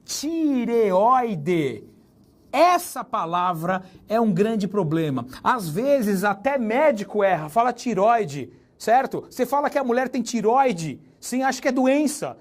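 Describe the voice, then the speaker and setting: Joking teacher. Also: male voice, sits high, very animated. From Brazil. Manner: chatty, joking, spells words out slowly and stresses them. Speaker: Portuguese teacher. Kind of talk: recorded exam-prep lesson.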